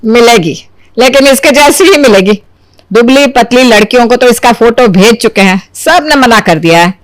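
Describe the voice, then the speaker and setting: A woman's voice: a little high, lively intonation, normal speed, no room sound, natural voice. A woman voicing a middle-aged mother in a cartoon who reasons patiently with her son. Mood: coaxing. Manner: coaxing, reasoning.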